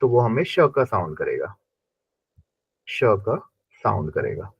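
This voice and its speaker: A man teaching a language class, drilling pronunciation slowly and repeating each word many times. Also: lowish voice, very animated, husky, lo-fi sound. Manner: slow repetitive drilling of pronunciation. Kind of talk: classroom lesson.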